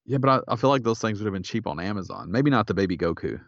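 A man's voice: on the low side, expressive, rapid-fire, gravelly, no room sound, dull audio. A man co-hosting a podcast, chatting casually in a laid-back, somewhat tired way. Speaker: podcast co-host. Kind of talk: casual chat.

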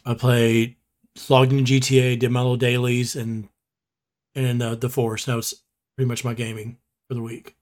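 A man's voice: medium pitch, flat delivery, normal speed. Easygoing man rambling in mid voice. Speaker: podcast co-host. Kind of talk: casual chat.

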